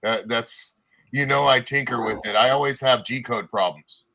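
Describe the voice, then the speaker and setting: A man's voice: medium pitch, normal speed, creaky, pushed and bright, no echo, rough recording. A man chatting informally as a guest on a livestream. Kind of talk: casual livestream chat.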